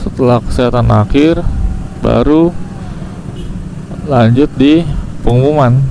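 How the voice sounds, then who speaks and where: A young man telling a personal story for a motovlog in a casual, halting way. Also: mid-range voice, gravelly. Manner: halting, pausing mid-sentence. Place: outdoors, riding a motorcycle on the road. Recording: loud motorcycle and traffic noise outdoors. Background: motorcycle engine, passing vehicles.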